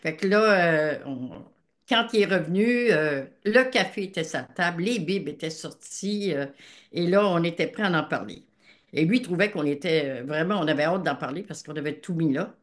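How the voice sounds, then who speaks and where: An older woman with a Quebec French accent giving a personal faith testimony, telling her story in a lively way and acting out the dialogue. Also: lowish voice, normal speed.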